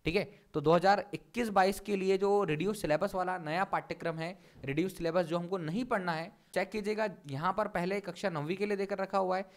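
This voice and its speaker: A man teaching an online class, walking viewers through a document and repeating his instructions again and again. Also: high-pitched. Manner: repeats points over and over, instructing.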